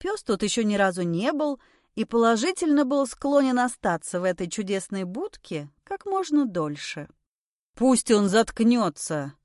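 A woman reading a novel aloud as audiobook narrator, in a measured, even way. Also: fairly high pitch, dry recording, clean studio sound. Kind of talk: scripted narration.

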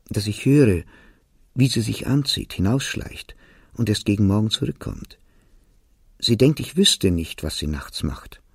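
A man reading a novel aloud for radio, telling the story quietly and evenly in the first person. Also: on the low side, gravelly, husky, no room sound, studio quality. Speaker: narrator. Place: radio studio.

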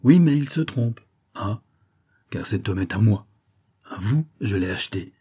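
A man's voice: on the low side, animated, unhurried, dark tone, slightly rough. A man voicing an impassioned young noblewoman bent on revenge in an audiobook, speaking in a raised, declamatory way. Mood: determined. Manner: intense, declamatory, pleading.

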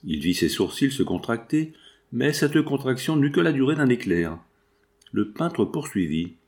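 Male audiobook narrator, classic novel, lively intonation, literary storytelling. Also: medium pitch, measured pace. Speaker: audiobook reader. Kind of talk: scripted narration of a 19th-century novel.

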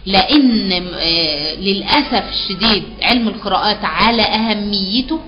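A woman's voice: medium pitch, moderate pace, dull audio, soft background music. A woman with an Egyptian accent teaching a live online Quran recitation class, patiently explaining and repeating key terms back as questions. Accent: Egyptian Arabic.

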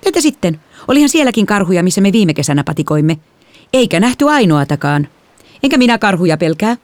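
A woman's voice: mid-range voice, big pitch swings, a little mellow, no echo, pitched above the performer's own voice, lightly acted. Woman voicing a defiant teenage girl. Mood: indignant. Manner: defiant, snappy.

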